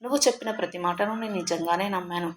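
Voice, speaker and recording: A woman voicing a gentle, devoted middle-aged husband who speaks softly and with care. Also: on the low side, fast, a little hiss or hum, lightly acted. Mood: tender.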